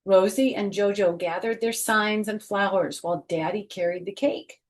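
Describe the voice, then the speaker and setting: A middle-aged woman reads a picture book expressively to children at home in a small furnished room, adding chatty asides. Her voice is mid-range with fairly even intonation and a moderate pace.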